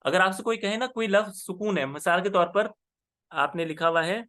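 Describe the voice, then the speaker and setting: A man with a somewhat high voice teaches a class. He explains patiently and keeps pausing to check that the student is following. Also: bright, forceful tone. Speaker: Arabic grammar teacher. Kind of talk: online class lesson.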